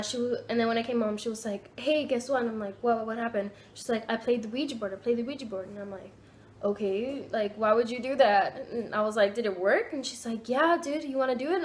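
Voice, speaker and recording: A young woman telling a storytime vlog from her home kitchen, rambling and excitable, with lots of fillers and restarts. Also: on the high side. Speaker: vlogger.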